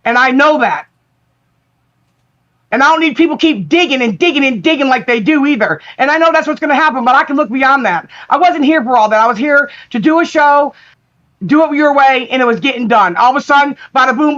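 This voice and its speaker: A woman's voice: sits high, fast, a bit bright, lo-fi sound. A woman calling into a livestream, apologizing in a pleading voice and repeating herself. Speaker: guest calling in.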